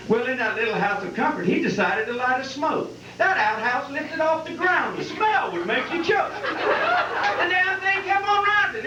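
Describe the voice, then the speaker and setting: A man with a cowboy drawl, hosting and reciting folksy comic verse at a live event. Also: high-pitched. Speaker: event host and cowboy poet. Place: live benefit event before an audience. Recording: distant, echoey, muffled live hall with noise.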